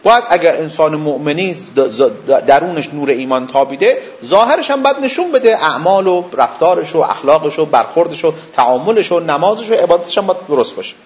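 A man's voice: fairly high pitch, expressive, few pauses, lo-fi sound. A man teaching a seminary lesson, explaining step by step, repeating points and checking whether his students follow. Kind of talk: didactic lecture.

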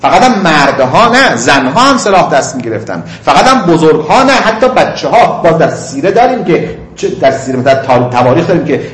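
A man giving a seminary lecture, reading Arabic passages slowly and then explaining them in casual, conversational speech. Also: a little high, big pitch swings, echoey room. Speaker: religious teacher.

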